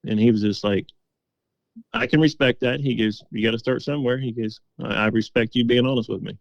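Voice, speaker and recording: A man's voice: medium pitch, fairly even intonation, fairly quick, gravelly, no room sound, muffled recording. A middle-aged man being interviewed, telling stories in a folksy, casual, conversational way. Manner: folksy, quotes past conversations as dialogue. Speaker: interview guest, game call maker.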